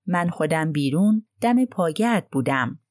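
A prim, self-righteous old housekeeper, as a woman reader puts her on airs her grievances in a low, dry voice. She sounds indignant and sure of her own virtue, an audiobook character heard close to the mic. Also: animated, darkish tone, dry recording. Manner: indignant, aggrieved complaining.

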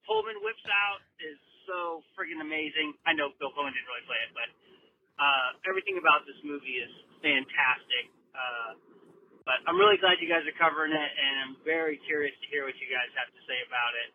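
A man calls in from his car and leaves a voicemail, and his voice comes through a thin, clipped phone line. He sounds eager and casual and swears freely. His voice sits fairly high for a man. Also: fairly quick, a little hiss or hum. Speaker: voicemail caller.

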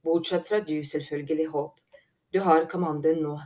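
A woman doing a steady, caring squirrel leader. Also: low voice, close to an everyday voice. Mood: firm. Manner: firm, organizing orders.

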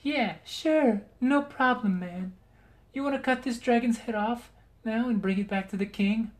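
A man playing an excited young heroine in falsetto. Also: unhurried. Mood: casual. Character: brave young woman warrior, gushing and excited.

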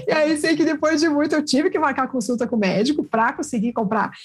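Brazilian woman, high voice, chatty travel storyteller on a casual podcast. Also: fast. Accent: Brazilian Portuguese. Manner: animated, chatty, self-deprecating. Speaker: traveler guest.

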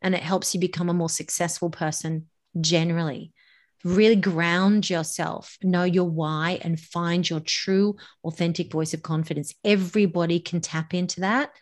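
This voice coach, a middle-aged woman appearing as a podcast guest, talks at normal speed in a fairly low pitch. Her public speaking advice comes across as emphatic and animated, with words drawn out for effect.

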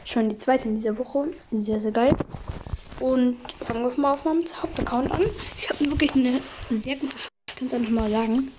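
A woman hosting casual gameplay commentary, upbeat and slightly hoarse from a cold, reading out item counts in quick bursts. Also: on the high side, noisy background. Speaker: gaming channel host. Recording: dull lo-fi audio with game music. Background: game music.

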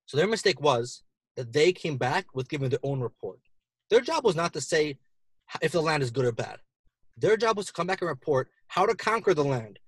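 A man co-hosting a podcast, retelling a scripture story in a casual, animated way and acting out the quoted lines. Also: brisk, slightly rough, dry recording. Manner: animated, acts out quoted lines with big jumps in pitch. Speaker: podcast co-host explaining the weekly Torah portion.

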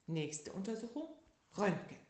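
Slow expressive woman reading a children's story. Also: mid-range voice. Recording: echoey room.

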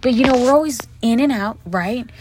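A woman's voice: on the high side, brisk, darkish tone, a little hiss or hum, rough recording. A woman hosting her podcast from inside a hotel room closet, chatting frankly and with plenty of swearing. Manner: frank, profane, chatty storytelling. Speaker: podcast host. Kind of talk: casual solo podcast monologue. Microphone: podcast mic set up in the closet.

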